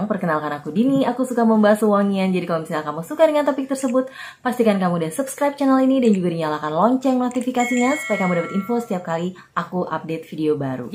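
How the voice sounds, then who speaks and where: A young woman hosting a casual perfume review vlog, talking in a chatty, informal way with many fillers. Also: fairly low pitch. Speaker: perfume reviewer, channel host.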